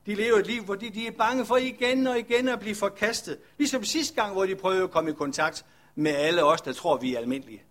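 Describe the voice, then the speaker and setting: Male pastor, slightly high voice, earnest and reflective, asks listeners questions. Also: a bit bright. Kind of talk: sermon.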